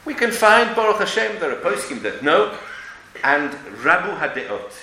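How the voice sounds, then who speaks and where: A man's voice: high voice, very animated, normal speed, sharp tone. A man giving an emphatic religious lecture with stories and rhetorical questions, sprinkling in Hebrew and Yiddish terms. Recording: echoey room with background noise.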